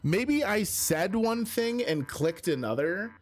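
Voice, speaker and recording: A man's voice: sits high, expressive, slow pace. Man musing through a game over music. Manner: musing, self-questioning. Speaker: video game streamer. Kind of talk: casual gameplay commentary, thinking aloud.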